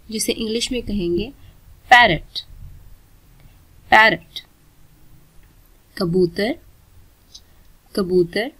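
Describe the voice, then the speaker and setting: A woman leads a vocabulary lesson at a very slow, deliberate pace, saying each word twice. Her voice sits at an ordinary middle pitch and grows loud and emphatic on every new word. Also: breathy edge, low-quality recording. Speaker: vocabulary teacher.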